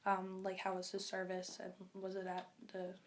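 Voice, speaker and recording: A young adult woman interviewing her grandmother, asking gentle, hesitant questions full of fillers. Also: mid-range voice, monotone, normal speed, a little hiss or hum. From United States. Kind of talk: casual family interview.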